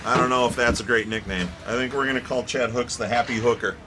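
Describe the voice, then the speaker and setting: Talking fast in a steady, medium-pitched voice, a play-by-play announcer covers an amateur hockey game from the rink booth. He roasts the players with lighthearted jokes, and the background is noisy.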